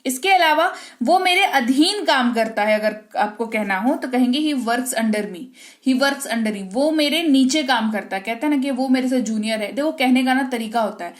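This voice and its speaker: A woman with a bright, high-pitched voice teaches an online vocabulary lesson. She explains each point patiently and slows right down to dictate every example sentence. She keeps stopping to check whether her class has understood. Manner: asks the class quick check-in questions. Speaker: English teacher.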